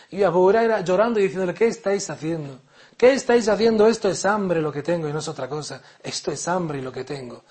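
Animated man telling religious stories. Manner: animated, rhetorical questions, dramatic pitch swings; drops voice low and soft for Arabic blessings. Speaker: Islamic storyteller. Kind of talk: religious storytelling lecture.

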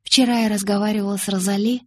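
A woman's voice: mid-range voice, steady tone, fast, a little mellow, dry recording, pitched above the performer's own voice, natural voice. A woman voicing an earnest, curious teenage girl with a lifted, questioning tone in an audiobook. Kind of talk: audiobook character reading.

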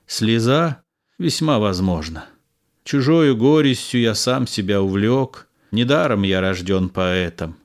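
Male reader as a tender poet-soldier, unhurried, measured, heartfelt. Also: on the low side, lively intonation. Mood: melancholy.

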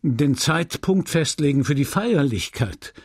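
Man playing a chatty busybody pharmacist, slow and husky. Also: on the high side, expressive, dry recording, clean studio sound. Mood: officious. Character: fussy, talkative male village pharmacist.

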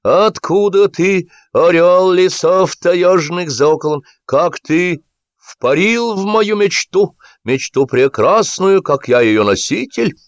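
A man voicing a pompous, bossy film director who declaims slowly and shouts orders, raised high above his own voice. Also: big pitch swings, dry recording, lo-fi sound. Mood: declaiming. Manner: theatrical, bossy, drawn-out declaiming.

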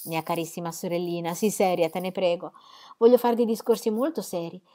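A woman voicing a gentle, kind young woman, an affectionate elder sister, with warm, eager exclamations. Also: lowish voice, fairly even intonation, fairly quick, lightly acted. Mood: earnest. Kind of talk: audiobook character reading.

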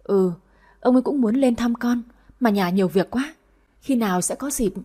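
A woman voices a poor country mother of middle age in an audio story. She speaks gently and politely, with a little hesitation. The voice is mellow and husky, and pitched a bit high. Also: moderate pace. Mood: weary.

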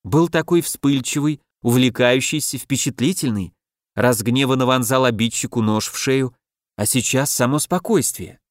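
A man reading the lines of a weary, fatalistic woman in an audiobook, in a flat, indifferent tone. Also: mid-range voice, normal speed, no room sound, studio quality, natural voice.

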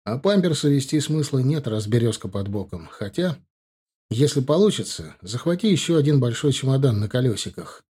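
A man's voice: mid-range voice, expressive, fairly quick, dark tone, breathy edge. A man voicing an easygoing, helpful friend in an audiobook.

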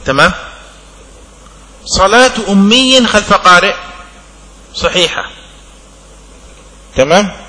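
A man teaching a religious law text in a classroom lesson, speaking in slow, broken-up phrases and checking understanding with short questions. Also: high voice, animated, sharp tone, long reverb tail, rough recording. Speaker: sheikh teaching a fiqh text.

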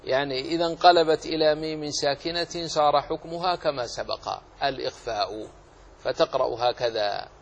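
A man's voice: fairly high pitch, normal speed, creaky, a little hiss or hum, low-quality recording. A man teaching a lesson on Quran recitation rules, explaining patiently and repeating key phrases. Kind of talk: Islamic lesson on tajweed rules.

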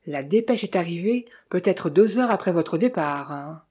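For an audiobook, a woman voices a chatty male village innkeeper who knows everything and loves to gossip and tease. Her lowish, mellow voice is slightly rough, a little slow, and lively in intonation, with a gossipy, confiding, teasing manner.

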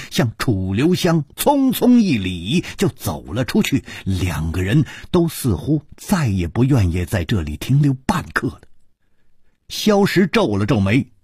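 A man narrating a martial arts audiobook in an expressive, dramatic storytelling manner. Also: medium pitch, husky, dry recording, studio quality.

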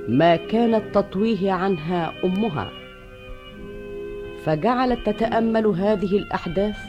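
A mid-pitched narrator tells a formal rhymed folk tale in a measured, steady cadence. Music plays clearly behind the voice in the radio studio recording. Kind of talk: formal scripted storytelling narration.

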